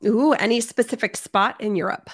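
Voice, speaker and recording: A woman's voice: a little high, normal speed. Enthusiastic woman podcast host. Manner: enthusiastic, affirming, says amen. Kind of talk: casual interview chat.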